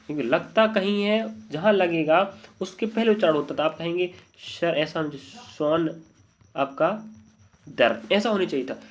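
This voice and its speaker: A man teaching an exam-prep spelling lesson, checking often that his students follow. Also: high voice. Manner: repeated checking questions to students. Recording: dull lo-fi audio.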